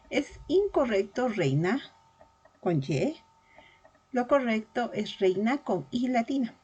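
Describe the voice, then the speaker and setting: Slow, husky-voiced woman teaching. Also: mid-range voice, dark tone, rough recording. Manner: slow, deliberate, spelling out examples. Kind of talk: verbal reasoning lesson.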